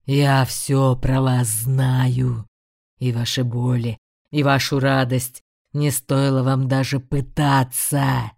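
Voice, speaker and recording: A woman putting on a mocking ancient demon from a fantasy audiobook, his voice dropped extremely deep and dark. He growls each word out at a crawling pace, dry and close to the mic. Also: little pitch movement, gravelly, no echo, heavily acted. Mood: raging. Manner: slow, drawn-out growling delivery. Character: menacing ancient male demon beast, mocking. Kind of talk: audiobook character voice.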